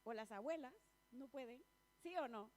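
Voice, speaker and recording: A woman's voice: a little high, moderate pace, darkish tone. A woman preaching a sermon in a church, chatty and personal, often asking the congregation questions and laughing between points.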